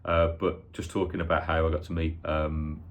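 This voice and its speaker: A man's voice: extremely low pitch, little pitch movement, moderate pace. A man in his forties with a Birmingham accent, chatting casually and a little hesitantly to viewers as a football fan vlogger. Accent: Birmingham (Brummie). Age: 40s. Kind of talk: casual chat to viewers, match preview.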